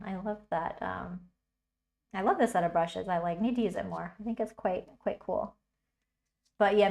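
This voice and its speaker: A woman's voice: lowish voice, vocal fry. Chatty woman thinking aloud while working. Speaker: livestream host teaching digital art. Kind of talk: casual livestream tutorial.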